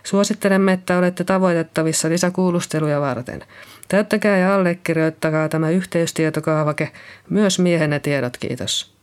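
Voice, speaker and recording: Reader reads a calm, gruff male police officer for an audiobook; kindly but firm. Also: medium pitch, natural voice. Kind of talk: audiobook character reading.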